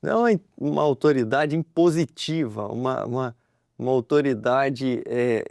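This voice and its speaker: A man with a Brazilian Portuguese accent speaks at mid pitch in a measured, halting way, pausing over his words as he explains. He often answers with short affirmations. His voice is close and dry, with no room echo. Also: vocal fry, a little mellow. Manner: measured, hesitant, with many affirmations. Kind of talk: religious family talk.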